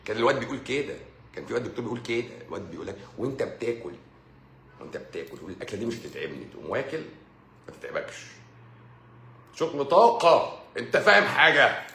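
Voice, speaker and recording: A man's voice: lowish voice, expressive, very fast, roomy sound. Egyptian guy ranting on a live, sarcastic and mocking, bit of faint noise behind. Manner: mocking, sarcastic, talks straight at the listener. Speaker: doctor hosting a live stream. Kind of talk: casual live-stream rant.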